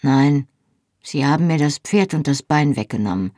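A woman's voice: deep voice, animated, dark tone, no echo, clean studio sound. A woman reading as a wounded breathless man. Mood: urgent, weary. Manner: halting, breathless reports.

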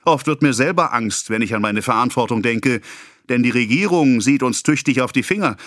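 A male narrator voicing a pompous, excitable middle-aged apothecary who rants and scolds in a self-important way. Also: fairly high pitch, slow pace, dry recording, clean studio sound, voice pushed up, exaggerated voice. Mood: scolding. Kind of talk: audiobook character voice.

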